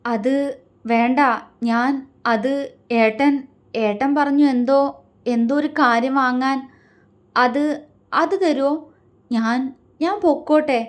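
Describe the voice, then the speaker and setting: Casting: a stammering, heartbroken young woman in a storybook romance, pitched high and bright, voiced by a woman narrator. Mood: nervous. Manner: stammering, halting. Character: timid young woman in love, tearful.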